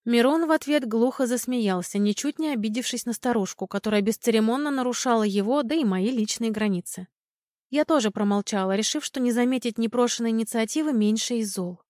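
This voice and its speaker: A woman's voice: on the high side, fairly quick, darkish tone, dry recording. A woman narrating a first-person audiobook in a wry, ironic manner, close to the mic.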